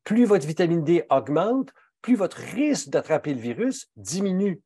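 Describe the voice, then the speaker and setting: A man's voice: very animated, moderate pace, mellow, slightly rough, no room sound, clean studio sound. A man with a Québécois French accent giving a health talk as a pharmacist, emphatic and indignant in manner. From Quebec. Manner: emphatic, indignant, swings pitch widely for emphasis.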